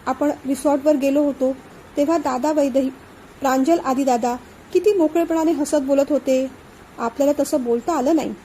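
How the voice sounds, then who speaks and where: Aarohi is an anxious young woman in love, guilt pressing on her, speaking softly and pleadingly in a storybook, as a woman narrator reads her. She sounds high and mellow, slightly lower and quieter than the narration. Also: fairly even intonation, moderate pace, slight background noise, lightly acted, rough recording. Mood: anxious, tender.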